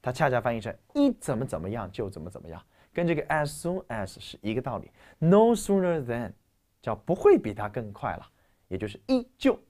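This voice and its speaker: A man teaching English vocabulary in a recorded lecture, lively and emphatic, dropping into soft asides as he explains words. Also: mid-range voice, a little fast.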